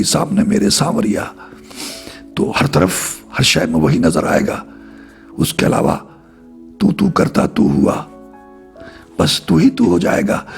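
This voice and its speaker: A man's voice: lowish voice, gravelly. A man giving a reflective spiritual talk to his viewers, repeating phrases in long lists. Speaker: spiritual speaker.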